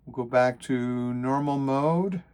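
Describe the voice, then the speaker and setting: A man talking casually to camera while testing and repairing old computers, thinking aloud with lots of fillers and getting excited when things work. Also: medium pitch, takes it slowly, smooth. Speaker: retro computer repair vlogger. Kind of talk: casual hands-on repair commentary.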